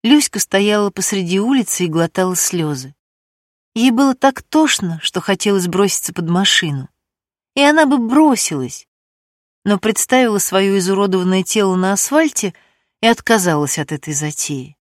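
Female audiobook narrator, animated intonation, dry close sound. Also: medium pitch, moderate pace, no echo. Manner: expressive storytelling.

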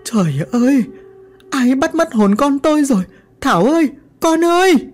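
A woman's voice: high voice, lively intonation, normal speed, a little mellow, faint music behind, pitched above the performer's own voice. A narrator voicing a distraught village mother who wails and cries out. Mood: wailing. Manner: wailing, crying out.

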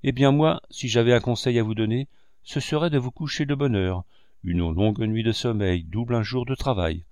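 A man's voice: mid-range voice, normal speed, darkish tone, clear, resonant tone, no echo, clean studio sound, natural voice. A man reading a bustling, motherly old woman servant in an audiobook, chatty and kindly scolding. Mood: fussing.

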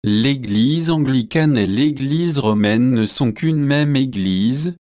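An earnest young man argues in a storybook, as a male reader voices him. His delivery is slow and careful, at a middling pitch. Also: a little mellow, lightly acted.

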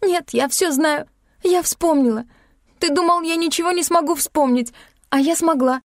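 A woman reading an audiobook, voicing a young woman screaming accusations in shrill, tearful outbursts. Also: moderate pace, mellow, no echo, studio quality. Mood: accusing shrill.

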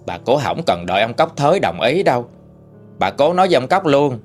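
A man's voice: medium pitch, sing-song, a little fast, faint music behind. A man with a Southern Vietnamese accent telling a family ghost story in a folksy, chatty way, full of dialect particles. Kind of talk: oral storytelling.

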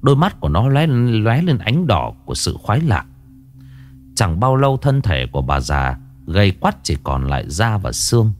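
A man's voice: on the low side, big pitch swings, normal speed, a little mellow, faint music behind. A man narrating a horror story in a dramatic, ominous way.

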